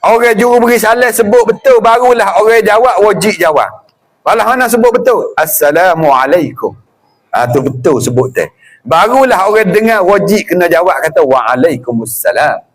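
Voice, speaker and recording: A middle-aged man with a Patani Malay accent giving a lively religious lecture, acting out greetings and chuckling often. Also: sits high, brisk. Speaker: religious teacher.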